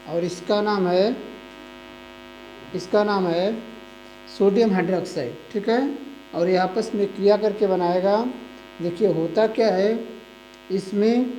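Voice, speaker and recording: Slow teacher. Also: mid-range voice, mellow, a little hiss or hum, poor audio. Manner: slow, repetitive, spells out formulas letter by letter. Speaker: school chemistry teacher. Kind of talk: classroom-style lesson explanation.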